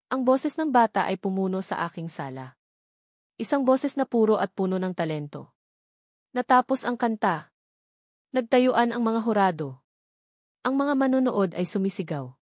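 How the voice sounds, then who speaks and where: A woman narrating a love story in the first person, in a steady, measured reading voice. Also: medium pitch, no room sound, studio quality.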